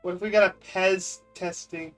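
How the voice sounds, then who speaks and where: A young man teases his chat with incredulity as he plays a block-building game, his casual commentary rambling along. His voice is high-pitched and a bit bright, with fairly even intonation at a moderate pace, and faint music sits behind it.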